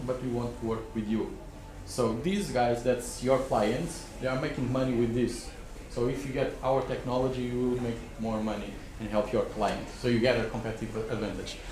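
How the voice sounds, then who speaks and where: A man's voice: medium pitch, darkish tone, reverberant. A man on a panel giving spontaneous business advice, often restarting and repeating words, recorded by a distant mic in a wood-panelled conference room. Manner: halting, repeats words as he rethinks. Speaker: expert panelist advising startups.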